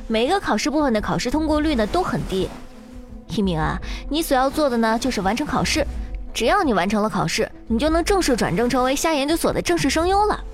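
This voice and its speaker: A woman voicing a sadistic female lab examiner who coaxes like a big sister, then shrieks orders, in an audio drama with faint music. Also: high voice. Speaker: examiner Teacher Zhou.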